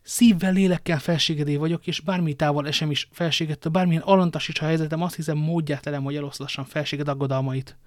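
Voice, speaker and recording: A loyal, tearful young maid, as a male reader puts her on speaks with gentle, earnest devotion. The voice is raised well above a man's usual range. The sound is dry and close. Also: fairly high pitch, steady tone, hardly any pauses, no echo, close to an everyday voice. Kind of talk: audiobook reading.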